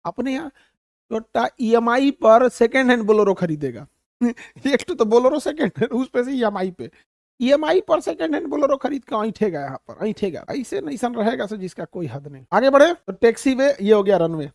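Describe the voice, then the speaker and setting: Animated Bihari-accented male teacher. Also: extremely high pitch, normal speed, vocal fry, no echo, clean studio sound. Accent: Bihari Hindi. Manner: animated and humorous, addresses students as "babu". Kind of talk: classroom lecture.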